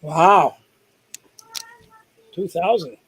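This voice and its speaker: A man's voice: a little high, extremely slow, fairly bright tone, breathy edge, dry recording, low-quality recording. A middle-aged man co-hosting a live stream, chatting casually with an easygoing, joking manner. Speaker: co-host.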